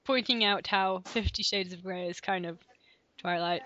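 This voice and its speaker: A young woman co-hosts a podcast over an online call, talking in a giggly, rambling way and restarting often. Her voice is lowish, bright and forceful, at a normal speed. The call audio is dull and lo-fi, with slight background noise.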